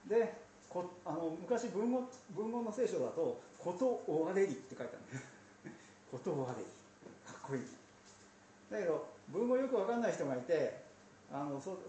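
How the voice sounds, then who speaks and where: Lively pastor preaching in a roomy hall. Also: male voice, a little high, slight background noise. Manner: chatty storytelling with asides and laughs. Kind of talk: sermon. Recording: roomy sound from a distance.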